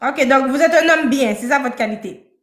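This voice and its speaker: A woman's voice: high-pitched, normal speed, roomy sound, slight background noise. A woman hosting a live-stream dating show, interviewing a guest with persistent, probing questions.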